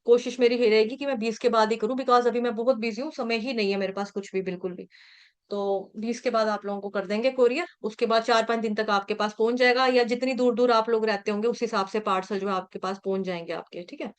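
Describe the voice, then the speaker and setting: Woman, patient recitation teacher; high, smooth, very unhurried chanting voice. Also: fairly even intonation. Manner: patient, repeats syllables slowly and explains each sound. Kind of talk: slow sung Sanskrit verse chanting with pronunciation lessons.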